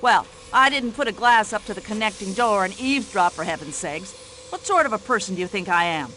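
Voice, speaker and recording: A woman's voice: mid-range voice, animated, fairly quick, bright, forceful tone, a little hiss or hum, poor audio. A woman playing a brash American widow, indignant. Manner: indignant, complaining, talkative. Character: brash, pushy middle-aged American widow. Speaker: witness in a radio-style drama.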